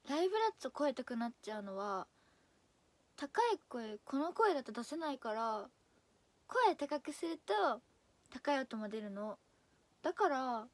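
A young woman idol chatting casually on a livestream, laughing often and drifting between high and low voice. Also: no echo. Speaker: idol streamer.

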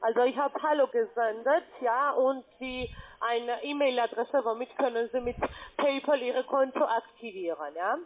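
A woman, working as a cold-call adviser, halting and often checking for agreement. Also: on the high side. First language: not German. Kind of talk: scripted sales phone call. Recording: muffled narrow phone line.

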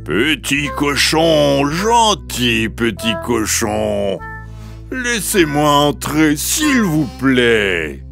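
A man voicing a sly, menacing big bad wolf in a children's storybook, drawn-out and gravelly, over music. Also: mid-range voice, big pitch swings, fairly bright tone, voice pushed up, heavily acted. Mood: wheedling. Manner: slow, drawn-out, wheedling then threatening. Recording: music playing underneath.

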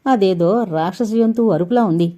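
A woman voicing a calm, steady young man who leads his friends, speaking slowly and firmly. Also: mid-range voice, muffled recording, lightly acted. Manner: slow, measured, firm.

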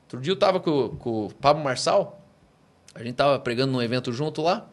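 A man's voice: medium pitch, expressive, brisk. A man with a Brazilian Portuguese accent, a pastor and podcast guest, explaining his views with emphatic rhetorical questions. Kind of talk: conversational preaching.

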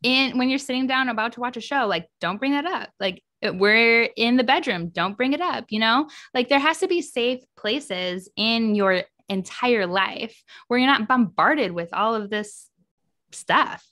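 A woman's voice: on the high side, unhurried, sharp tone. A woman talking as a guest on a podcast, speaking in an earnest, heartfelt way in casual chat.

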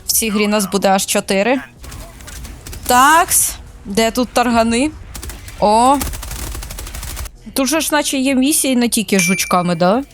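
A woman streamer chatting casually while playing a shooter for the first time, excitable, squealing and laughing at surprises. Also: on the high side, a little slow, pauses often. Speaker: gaming streamer. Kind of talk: casual let's-play commentary.

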